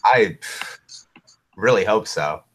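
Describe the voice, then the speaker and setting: A man's voice: on the low side, lively intonation, slow, breathy edge. A man chatting casually on a live stream, asking teasing, joking questions.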